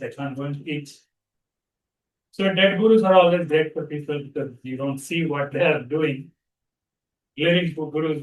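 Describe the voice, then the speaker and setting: Man giving an animated spiritual talk. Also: fairly high pitch. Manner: animated storytelling, conversational. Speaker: spiritual teacher. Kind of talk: spiritual discourse. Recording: roomy sound from a distant mic.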